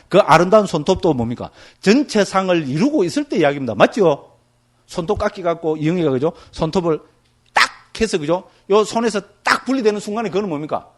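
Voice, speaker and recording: A man's voice: high-pitched, quick pace. A male Buddhist monk giving a doctrine lecture. He keeps checking in with his listeners after almost every phrase and tells graphic examples with sound words. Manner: lively, tags nearly every phrase with a check-in question to the listeners.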